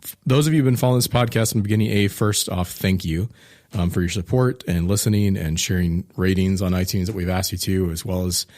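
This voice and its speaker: A middle-aged man with a low voice, co-hosting a podcast in easy conversation. He sounds upbeat and walks through announcements step by step. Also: steady tone, quick pace, a little mellow. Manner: upbeat, explains plans step by step. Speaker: podcast co-host. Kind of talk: casual podcast chat.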